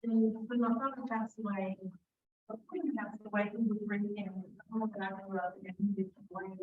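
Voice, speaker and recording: A woman's voice: medium pitch, steady tone, brisk, roomy sound, distant mic, phone-quality sound. A woman who owns rental property, speaking casually and hesitantly in broken-off phrases. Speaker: landlord asking for advice. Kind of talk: casual conversation.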